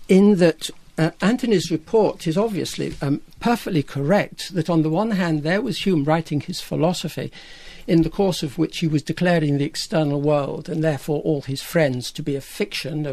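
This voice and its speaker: A man with a Scottish accent, speaking as a guest on an academic discussion panel. He talks in a measured, thoughtful way and pauses on fillers as he builds his points. His voice sits a little high for a man. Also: darkish tone. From Scotland.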